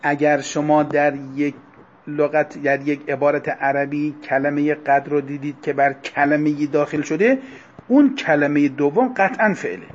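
A man teaching a grammar class, explaining terms one by one, slowing down and stressing key words. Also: on the high side, steady tone, slight background noise. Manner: explanatory, lecturing to students, slow deliberate stresses on terms. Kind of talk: Arabic grammar lecture. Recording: dull lo-fi recording.

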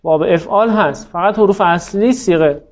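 A man's voice: high voice, lo-fi sound. A man teaching Arabic grammar in a class, quizzing students by name and praising their answers patiently. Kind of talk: classroom lesson, drilling students.

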